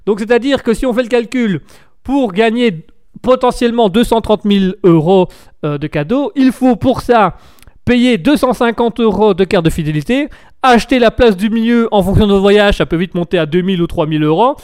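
A man's voice: high voice, moderate pace, darkish tone, smooth, no room sound, clean studio sound. A tired male host of a live show, commenting jokingly on odd news stories, rambling and stumbling over his words before correcting himself.

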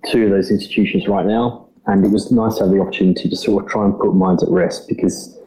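Deep, very dark British-Australian man. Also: fairly even intonation, rough recording. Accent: mixed British-Australian. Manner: measured, hesitant, diplomatic. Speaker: startup representative. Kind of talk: conversational explanation.

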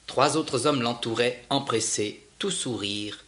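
A man reading a story aloud with expressive storytelling. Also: mid-range voice, slow pace. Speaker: reader.

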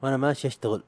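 A man's voice: mid-range voice, vocal fry, darkish tone, slightly rough, no room sound. A young man, chatting casually as a podcaster in a rambling, self-mocking way, with slang and swearing. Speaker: YouTube podcaster. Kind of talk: casual chat.

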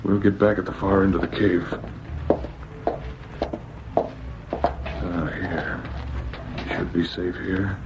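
A steady Mountie sergeant in a vintage radio drama. His voice is low and he speaks slowly, thinking aloud to his dog. The old recording is dull, with clear noise. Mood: wary. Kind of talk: 1940s radio drama acting.

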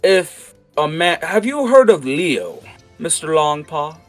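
A man voicing a corrupt, smooth-talking male noble official who hints at bribes with slippery, hesitant phrasing. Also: a little high, big pitch swings, slow pace, soft background music, pitched above the performer's own voice. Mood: slyly persuasive. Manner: oily, insinuating, hesitant fillers.

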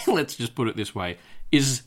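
A man's voice: mid-range voice, expressive, slow. A man hosting a casual comedic podcast, joking and laughing between phrases. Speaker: podcast host.

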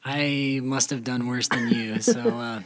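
A man's voice: mid-range voice, very animated, a little slow. A man co-hosting a casual chat, chiming in with a teasing, chuckling manner. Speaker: podcast co-host.

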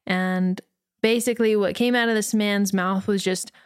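A woman from New Mexico, a musician being interviewed, telling a story in a lively way and acting out the quotes. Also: mid-range voice, moderate pace, smooth, no echo, studio quality. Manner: lively, acts out quotes with voices. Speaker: musician guest.

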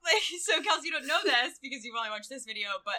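A woman co-hosting a casual podcast chat, gushing and rambling with lots of "like," dropping into soft asides and then rising into excited outbursts. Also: high voice, fast talker, rough recording. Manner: swings between soft asides and excited shrieks. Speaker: podcast co-host.

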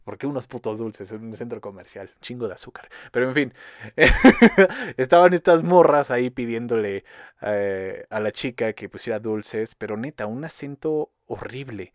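A man's voice: medium pitch, moderate pace, a little mellow, no room sound. A young man with a Mexican accent ranting casually, profane and mocking, joking as he goes. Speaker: commentator. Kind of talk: casual rant.

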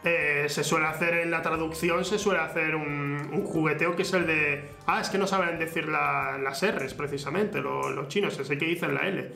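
A man's voice: on the high side, fairly even intonation, normal speed, vocal fry, few pauses, pushed and bright. A young man from Spain hosting a casual chat, hesitant, filling gaps with "eh" and restarting his sentences. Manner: hesitant, lots of eh and restarts, laughs easily. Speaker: host. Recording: echoey room with faint music.

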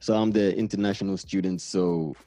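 A deep-voiced Namibian man in his thirties, talking loosely and unhurried as he rambles through his stories. His tone is dark and mellow, and the recording is dry with faint music behind him. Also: steady tone, no room sound. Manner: laid-back, rambling storyteller. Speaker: guest. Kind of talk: casual conversation.

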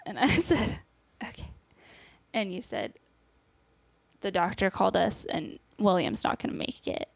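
A woman's voice: mid-range voice, big pitch swings, measured pace, creaky, pauses often, no room sound. A young woman guest on a podcast, telling a personal story in casual conversation, laughing nervously and acting out what people said. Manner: acts out quoted dialogue.

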